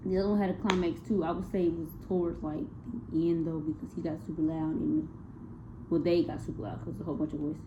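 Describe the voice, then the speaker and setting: Low-voiced young woman, tinny phone recording. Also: level tone, fast talker, background noise. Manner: hesitant, many fillers and self-corrections. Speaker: student presenting a music project. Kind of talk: casual spoken class presentation.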